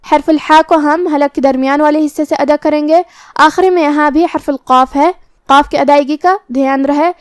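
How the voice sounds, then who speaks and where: A woman teacher gives a methodical recitation lesson, breaking each word down into its letters and how to pronounce them. Her voice sits high in her range. The sound is dry and close to the mic. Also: darkish tone, no room sound. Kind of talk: recorded tajweed lesson.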